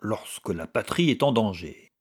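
A man voicing a timid young son who begs to become a soldier, in an audiobook reading, with halting, pleading speech. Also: on the low side, animated, slightly rough.

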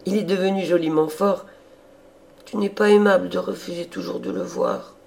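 A man voicing a cheerful, childlike young woman who is always hungry, in a high, coaxing voice. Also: measured pace, creaky, warm tone. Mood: bubbly.

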